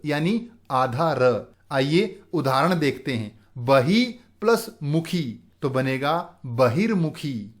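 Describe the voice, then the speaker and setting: Male teacher, high voice, slow and deliberate delivery, walks through a grammar lesson with his own questions. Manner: slow, deliberate, poses questions and answers them himself.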